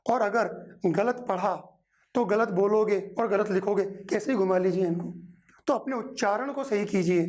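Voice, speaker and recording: A man teaches an exam-prep grammar class at an unhurried pace. He stretches out single sounds for his students, poses questions and answers them himself, and keeps calling his viewers friends as he urges them to repeat after him. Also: sits high, darkish tone. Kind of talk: online exam-prep lecture.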